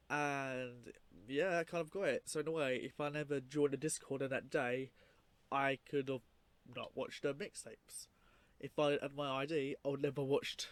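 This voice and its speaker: A man's voice: mid-range voice, dry recording. Guy rambling casually about his own stuff, unscripted, informal, close dry sound. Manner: rambling, informal, trailing off with 'like' and 'you know'. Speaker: documentary narrator and video creator.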